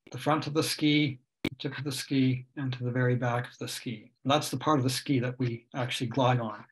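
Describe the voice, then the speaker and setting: The recording is low quality, captured through a webcam or computer mic on a video call. An older ski instructor with a Canadian accent gives a webinar from home, explaining steadily amid many fillers, in a mid-range, fairly bright voice.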